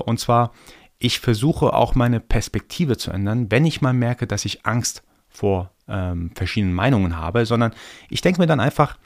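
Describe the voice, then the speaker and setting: A man's voice: mid-range voice, creaky, no echo, clean studio sound. A man born in Iran, hosting a solo podcast and explaining his ideas step by step in a thoughtful, reflective way. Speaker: podcast host.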